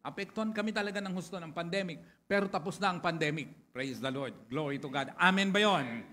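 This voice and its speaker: A man preaching a sermon to his congregation, chatting casually at first, then building to louder, lively preaching. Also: on the high side, a little fast. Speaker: pastor.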